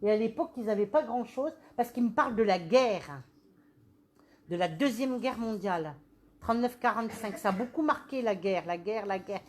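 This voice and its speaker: This woman, working as a medium, conducts a live reading in a mid-range voice at normal speed. She sounds animated, asks lots of questions and keeps repeating certain phrases.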